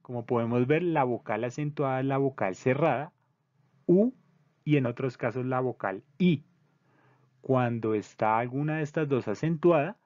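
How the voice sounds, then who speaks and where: A man explains poetic terms like a patient teacher, reading definitions and examples one by one and now and then correcting himself mid-word. His voice sits at a middle pitch. The recording is dry, with almost no room sound, and dull, as if the highs were cut off. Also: darkish tone, no echo. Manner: measured and didactic, spelling out syllables, with occasional slips and restarts. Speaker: presenter of a literary discussion circle.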